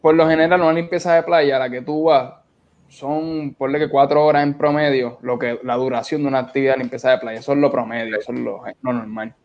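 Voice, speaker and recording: A young Puerto Rican man with a Puerto Rican accent, a beach cleanup organizer, is interviewed casually as a guest over a video call from a room indoors. His mid-range voice is steady and a little fast, and his manner is informal and colloquial. The video call audio sounds dull and lo-fi.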